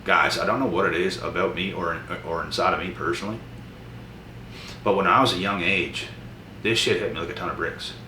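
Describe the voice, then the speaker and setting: A man's voice: sits low, a little fast, bright, forceful tone. A young man giving a blunt, preachy motivational monologue to camera. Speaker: motivational vlogger. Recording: echoey room from a distance with noise.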